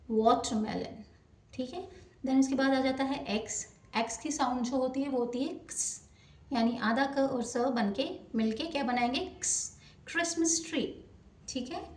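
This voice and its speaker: A woman teaching a phonics lesson for children, sounding out each letter slowly and carefully. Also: high-pitched, darkish tone, distant mic. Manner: slow, careful demonstration of sounds. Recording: echoey room, voice off-mic.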